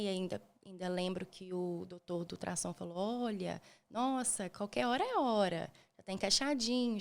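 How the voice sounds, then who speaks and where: A Brazilian woman, a podcast guest, telling a painful personal story in a soft, halting way. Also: medium pitch. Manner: soft-spoken, halting, emotional retelling.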